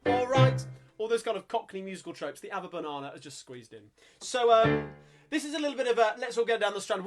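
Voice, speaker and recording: A man with a London accent hosting a live-streamed singalong, chatting upbeat between songs and breaking into old music-hall numbers. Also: high voice. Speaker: singalong host and pianist. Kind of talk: casual live-stream chat with singing. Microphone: home streaming mic.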